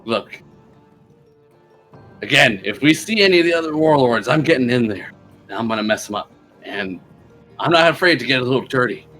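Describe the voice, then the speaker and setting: Man doing a swaggering biker warlord, pushy and folksy, bright forceful tone, tabletop role-play. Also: mid-range voice, lively intonation, fairly quick, long pauses, faint music behind. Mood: boastful. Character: brash scheming male warlord on a hellish motorbike. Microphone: streaming microphone.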